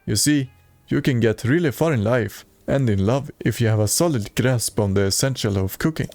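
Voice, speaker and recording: A man's voice: medium pitch, normal speed, darkish tone, dry recording, soft background music. A man streaming a video game and reading its dialogue aloud in a plain way, with occasional stumbles.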